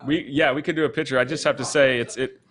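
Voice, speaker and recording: Mid-pitched man casually chairing a meeting. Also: steady tone, fast, fairly bright tone. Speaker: council chair running the meeting. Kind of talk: casual, informal meeting remarks.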